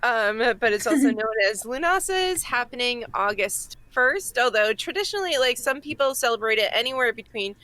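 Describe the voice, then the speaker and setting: A woman with a Massachusetts accent, co-hosting a casual podcast and explaining things in a halting, informal way. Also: on the high side, animated, bright, forceful tone, no room sound. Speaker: podcast co-host presenting a segment. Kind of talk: casual chat.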